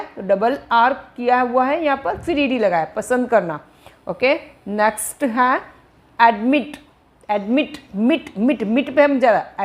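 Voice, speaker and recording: Higher-pitched woman teaching grammar patiently. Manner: patient, repeats each word several times, asks and answers her own questions. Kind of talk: Hindi-language grammar lesson.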